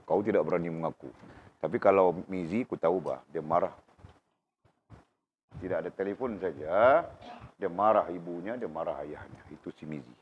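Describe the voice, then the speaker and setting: A man teaching an informal religious class, quizzing students by name and tagging his points with quick questions, sounding unwell. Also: low voice, slight background noise. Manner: conversational, questions students by name, frequent tag questions. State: unwell, in pain while talking. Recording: dull lo-fi recording.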